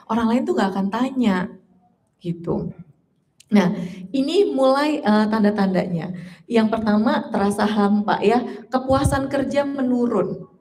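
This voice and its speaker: A woman in her late thirties leads a casual workshop talk, her voice sitting a little on the high side. She chats with the audience in a loose, friendly way, laughs easily, and slips into little acted voices when she quotes people. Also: a little mellow. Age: 30s. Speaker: trainer.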